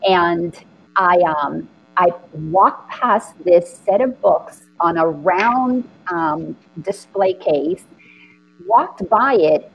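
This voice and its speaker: A middle-aged woman from the Dominican Republic, hosting a spiritual conversation and telling her story with earnest, animated feeling. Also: on the low side, extremely slow, gravelly, lo-fi sound, soft background music.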